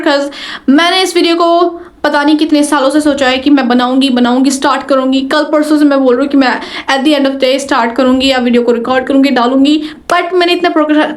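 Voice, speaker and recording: A young woman in her twenties from Delhi with an Indian English accent, giving chatty, encouraging tips on learning English in a casual vlog and often restarting her sentences. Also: high voice. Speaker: beginner vlogger teaching spoken English. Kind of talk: casual talking-to-camera vlog.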